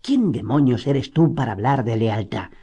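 A man's voice: mid-range voice, moderate pace, warm tone, lightly acted. A man voicing a fierce, proud young noblewoman in an audiobook, speaking indignantly with a raised voice. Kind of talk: audiobook character reading.

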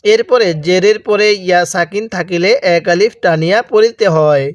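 Man, Bangladeshi Bengali accent, Quran teacher, patient syllable drills, high voice, dry recording. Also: moderate pace, no room sound. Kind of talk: slow call-and-repeat recitation lesson.

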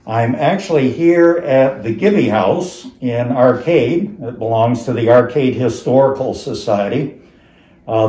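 An American man in his seventies, a retired teacher, talks informally to students in a halting way, slightly muffled through a face mask. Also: mid-range voice, warm tone. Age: 70s. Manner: halting, pausing often. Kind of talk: informal recorded talk to students, reminiscing. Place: dining room of a historic house. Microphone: camera across a table. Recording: roomy indoor echo.

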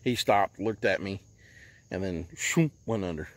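A man's voice: animated, unhurried. Easygoing man on a lake dock. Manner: easygoing, often talks low and hushed. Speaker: fishing vlogger. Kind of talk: casual outdoor chat. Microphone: handheld phone camera.

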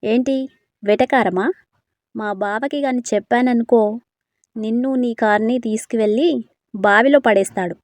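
A woman reading a bold, sharp-tongued young woman who scolds fast in a storybook tale. The voice is slightly high and sounds close and dry. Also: dry recording, lightly acted. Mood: scolding.

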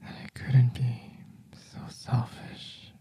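A man playing a tender, sleepy boyfriend in a whispered role-play, murmuring softly and slowly in a husky, breathy morning voice. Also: lightly acted. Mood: soft, hesitant. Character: sleepy, tender, protective boyfriend waking his partner.

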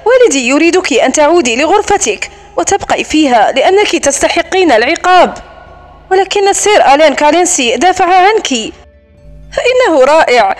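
A woman voicing a cheerful, gossipy young girl who chatters in an excited, gushing way in a storybook reading. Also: extremely high pitch.

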